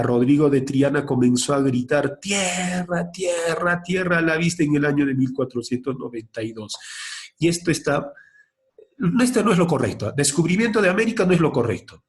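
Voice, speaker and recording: A male teacher in front of his class, firing off a question and then giving the answer himself. His voice sits at an ordinary middle pitch but climbs sharply on each question, so the lesson has an eager, call-and-response feel. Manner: asks questions and answers them himself, lively rises in pitch.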